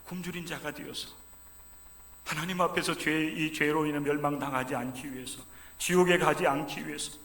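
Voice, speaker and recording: A man preaching a sermon as pastor during a church service, swinging from loud fervent pleading down to hushed, low lines. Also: steady tone, normal speed. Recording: echoey church sanctuary.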